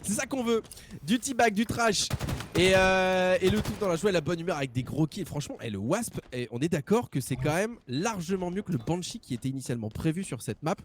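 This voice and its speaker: Clear game sounds play beneath a high-pitched male caster who talks fairly quickly. His live esports commentary is casual, emphatic and full of excitement.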